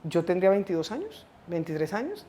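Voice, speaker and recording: A middle-aged woman telling a family story in a halting way, with many restarts. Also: fairly low pitch, huge pitch swings, dark tone. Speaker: interviewee, mother of the host. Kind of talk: family conversation, recounting memories.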